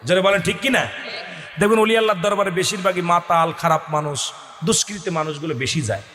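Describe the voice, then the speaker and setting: A male preacher delivers a fervent sermon and keeps urging the crowd to answer him. His voice sits high and bright. It washes through a long, echoing hall. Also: a little fast. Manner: emotional, calls on the crowd to respond. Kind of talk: Islamic waz sermon. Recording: echoey hall over loudspeakers.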